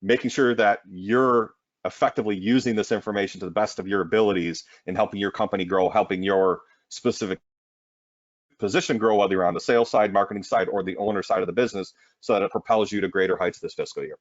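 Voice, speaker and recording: A man presenting a marketing webinar in an energetic sales pitch, often tossing in "right?". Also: fast, no room sound, muffled recording.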